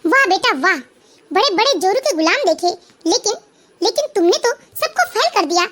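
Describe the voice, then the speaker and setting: Cartoon mother-in-law, bossy and interrogating, very high voice, as a woman plays her. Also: sing-song, moderate pace, fairly bright tone, exaggerated voice. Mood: scolding. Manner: scolding, interrogating. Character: stern scolding middle-aged mother-in-law. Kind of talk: cartoon family drama voice acting.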